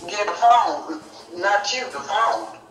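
A woman's voice: medium pitch, slow. An older woman speaking as a grandmother on a phone call, often asking to have things repeated and scolding sternly. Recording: heard over speakerphone, roomy and distant.

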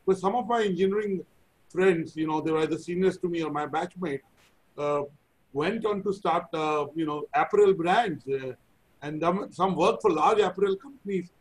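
High-pitched middle-aged Indian-accented man. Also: normal speed, rough recording. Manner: chatty, anecdotal, self-deprecating. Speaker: interview host. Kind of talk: conversational interview. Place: indoor room, video call. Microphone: video call.

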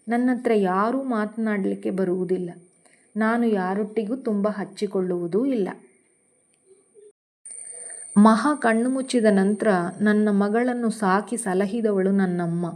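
A woman narrates a short story she wrote, reading it aloud. Her delivery is slow and gentle, and her voice sits in a middle register. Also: mid-range voice. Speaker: storyteller and author.

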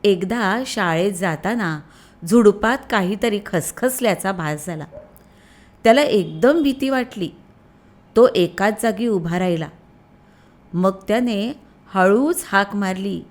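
Slow, expressive woman storyteller. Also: medium pitch. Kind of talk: storybook narration.

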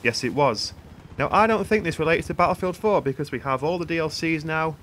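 A man's voice: a little high, a little fast, fairly bright tone. A British man doing sarcastic, mock-serious parody news anchor commentary for a gaming channel. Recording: gunfire and game noise behind voice. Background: video game gunfire.

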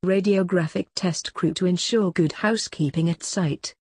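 A husky voice of middle pitch reads safety points one short phrase after another. It stays even and list-like, and the recording is close and dry, with no room sound. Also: moderate pace, dry recording. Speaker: safety instructor. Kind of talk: reading slide bullet points aloud.

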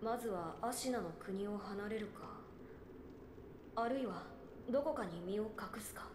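A calm young noble lord, voiced by a woman, speaking in an unhurried, formal, old-fashioned way, slow and measured. The game audio carries a roomy echo with steady ambient noise behind. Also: mid-range voice, natural voice. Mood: gentle, reflective.

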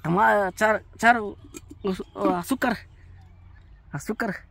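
A man from Oaxaca, answering questions in halting, repetitive murmurs during a casual chat. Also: high-pitched, creaky, fairly bright tone, dry recording. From Oaxaca, Mexico. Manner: halting, repeats himself, answers in short murmurs. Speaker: interviewee.

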